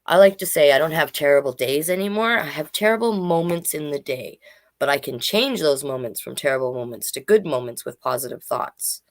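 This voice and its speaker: Her voice sits low and moves a little fast. She's running a storytime, reading to kids and talking directly to her audience with questions and side comments.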